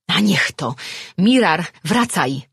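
A narrator voicing a compassionate but no-nonsense woman healer in a fantasy audiobook. She speaks firmly and plainly, her voice slightly husky, up close in a dry, dead space. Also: low-pitched, lively intonation, normal speed, no echo. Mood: alarmed. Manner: firm and practical. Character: practical, compassionate woman healer called a witch. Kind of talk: audiobook reading.

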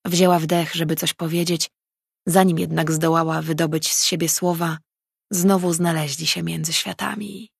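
Low gravelly woman narrating a story. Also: level tone, moderate pace, dry recording, clean studio sound. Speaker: audiobook narrator. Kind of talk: scripted narration.

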